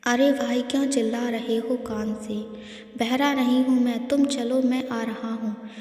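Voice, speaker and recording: A woman's voice: a little high, steady tone, measured pace, warm tone, faint music behind, lightly acted. A woman voicing a teasing, stubborn young man who grumbles wryly, in an echoey room. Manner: grumbling, wry. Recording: echoey room with long reverb.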